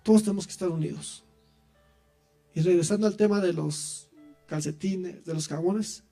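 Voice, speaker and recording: High-voiced man preaching testimony. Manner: animated storytelling, addresses listeners directly. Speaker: church speaker giving testimony. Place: church.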